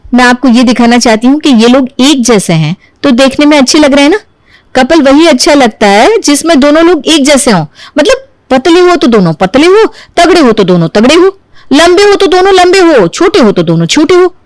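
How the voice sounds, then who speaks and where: A sensible young sister-in-law in a cartoon, chatty and persuasive, voiced by a woman. Her voice is high and dry. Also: expressive, normal speed, no room sound.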